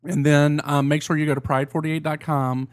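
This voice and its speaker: A man's voice: on the high side, little pitch movement, moderate pace, smooth, no room sound. A man hosting a podcast in casual chat, talking in a blunt, salty, conversational way. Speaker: podcast host.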